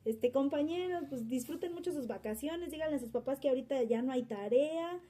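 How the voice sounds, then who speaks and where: Cheerful female schoolteacher talking to her class, put on by a woman, singsong and upbeat, pitched up, dark and mellow. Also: a little fast, natural voice. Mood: breezy.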